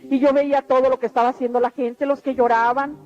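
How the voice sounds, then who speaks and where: A middle-aged woman shares her religious testimony in an earnest, repetitive storytelling style. Her high voice is flat, quick and darkish, heard on a dull lo-fi radio recording with faint music.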